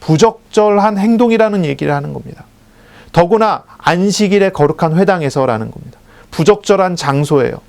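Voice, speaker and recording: A pastor delivers his sermon in a somewhat high male voice. He explains the text patiently, repeating key phrases for emphasis. He poses questions to the congregation and answers them himself. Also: expressive, a little fast, creaky, darkish tone.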